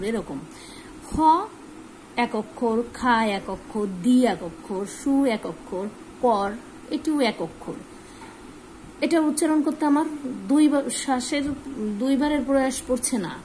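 A woman's voice: fairly high pitch, a little mellow, a little hiss or hum, poor audio. A woman teacher giving a grammar lesson to students, patiently asking questions and then answering them herself. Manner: patient, asks and answers her own questions.

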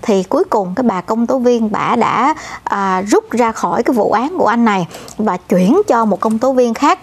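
A female co-anchor telling the news in a relaxed, conversational way, often pausing on fillers and addressing the audience directly. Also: a little high, slightly rough. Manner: many "à" fillers, addresses "thưa quý vị".

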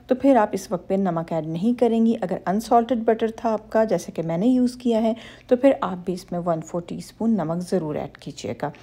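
Her voice mellow and mid-range, a woman hosts a cooking channel and delivers a step-by-step baking lesson as a voice-over. She speaks straight to women viewers in an instructive, reassuring way.

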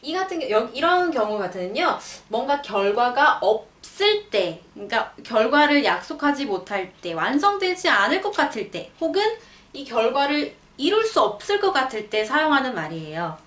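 A young woman teaching a language lesson, explaining patiently and reading example sentences slowly and clearly. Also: sits high, big pitch swings, fairly bright tone. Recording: roomy, a bit far from the mic.

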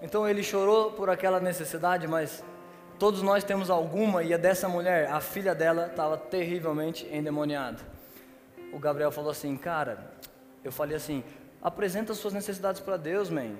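A man's voice: on the high side, steady tone, a little fast. A man giving a casual, chatty sermon as a pastor, telling stories in slangy talk, recorded in a church hall. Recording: echoey church hall, faint music.

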